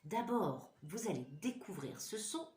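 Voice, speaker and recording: A woman's voice: mid-range voice, big pitch swings, a little slow, a little mellow. A woman teacher giving a home-school lesson to young children, patiently repeating sounds and words for them to echo. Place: home room. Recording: echoey room.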